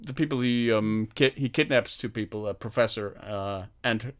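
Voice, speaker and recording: A man hosting a film podcast, retelling movie scenes in casual chat with animated energy and frequent laughter. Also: fairly low pitch, moderate pace. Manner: animated storytelling, laughs often. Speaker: podcast host.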